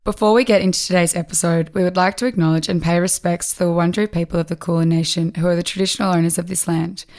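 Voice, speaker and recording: A woman's voice: lowish voice, fairly even intonation, fast talker, hardly any pauses, a little mellow. A woman co-hosting a podcast in casual chat, her voice nasal from a sore throat. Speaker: podcast co-host.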